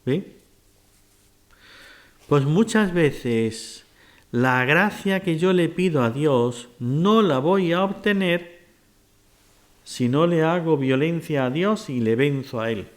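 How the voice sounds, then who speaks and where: A man's voice: on the high side, animated, slow, pauses often. A man preaching a sermon, retelling scripture stories and asking his listeners rhetorical questions.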